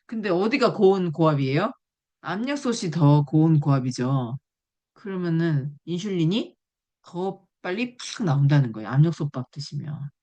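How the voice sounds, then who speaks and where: Woman teaching a class, low-ish voice but super expressive, keeps asking the students stuff. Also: moderate pace. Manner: animated, asks the class questions. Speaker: nutrition lecturer. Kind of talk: classroom lecture.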